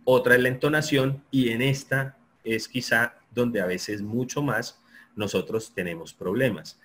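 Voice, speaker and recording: A man giving an online lecture, explaining in a steady, repetitive way and often checking that listeners agree. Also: medium pitch. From Colombia. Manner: explanatory, repeats himself, asks listeners for agreement. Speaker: sports psychology lecturer.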